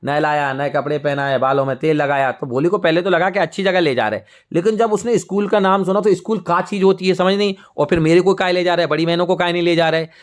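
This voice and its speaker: A young adult male teacher retells a textbook story to students. His voice sits a little high for a man, and he talks in a lively, chatty way, slipping into the characters as he goes. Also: quick pace, few pauses. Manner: lively, conversational, acts out characters. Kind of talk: storytelling lesson summary.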